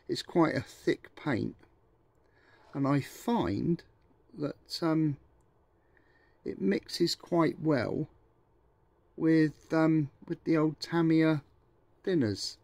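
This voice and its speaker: A man's voice: fairly high pitch, warm tone. Man in his 60s, casual hobby chat, rambling, hesitant, lots of ums. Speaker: scale model hobby vlogger. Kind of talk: casual chat while model building.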